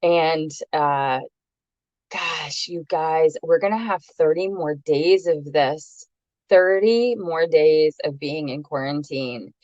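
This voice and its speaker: A woman with a low voice hosts a live beauty webinar from home, chatting nervously and gushing, her words full of fillers and restarts. The webcam audio sounds dry and a little dull. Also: slow pace, darkish tone, dry recording. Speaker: brow artist hosting a live webinar. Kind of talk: casual live-stream chat. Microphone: webcam or laptop mic on a video call.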